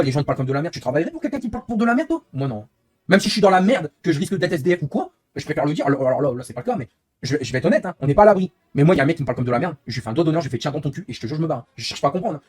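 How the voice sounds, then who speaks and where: A man's voice: fairly high pitch, darkish tone, slightly rough. A young man chatting candidly on his live stream, rambling and confiding, with frequent tag words. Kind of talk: casual live-stream chat.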